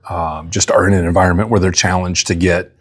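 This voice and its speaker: A middle-aged man giving earnest, measured explanations as a guest in a casual interview. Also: low voice, level tone. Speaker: police chief, interview guest.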